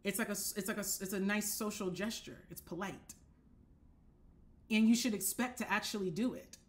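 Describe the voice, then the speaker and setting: A young woman hosting a casual dating-advice talk from her apartment, speaking straight to the camera, animated and direct, often checking that listeners follow. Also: mid-range voice, normal speed. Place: apartment living room, indoors.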